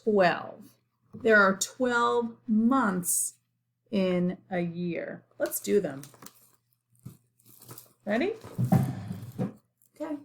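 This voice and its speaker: A woman speaking like a kindergarten teacher leading young children through a lesson, encouraging them in simple, repeated phrases and pausing for answers. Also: medium pitch, expressive, a little hiss or hum.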